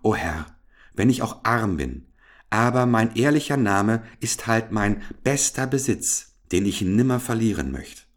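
A man's voice: on the low side, lively intonation, a little slow. A man voicing a poor, modest and honest young maid who answers timidly in a fairy tale reading. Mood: humble.

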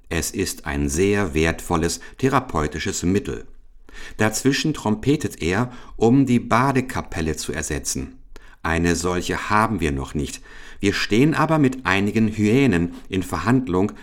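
Man doing a stuffy know-it-all stork doc, lectures in a raised voice. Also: low voice. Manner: pompous, lecturing, officious. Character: pompous learned marabou stork, a medical official.

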